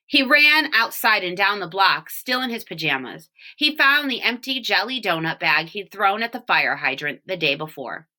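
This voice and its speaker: Reading a storybook aloud for children, a woman teacher delivers it for home learning in a bright voice whose pitch moves in lively swings. She takes her time and leans expressively on key words.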